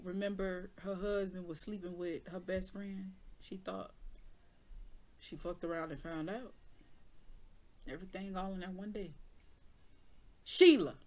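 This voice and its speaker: A woman doing a casual tarot reading who talks candidly, jokes, laughs often and swears now and then. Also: medium pitch. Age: adult with children. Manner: candid, joking, with frequent laughs and mild swearing. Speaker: tarot reader.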